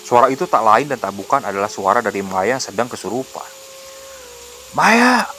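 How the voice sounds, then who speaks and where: Male horror narrator, low voice, quiet deliberate delivery, faint background hiss. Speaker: storyteller.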